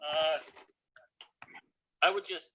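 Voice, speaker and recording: A man, a home builder, talking plainly and haltingly through a phone that is held up to a microphone and replayed through a speaker. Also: fairly high pitch, fairly even intonation, noisy background. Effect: phone call held up to a microphone and replayed through a speaker. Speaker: home builder applying for a variance. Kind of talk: casual remarks at a council meeting.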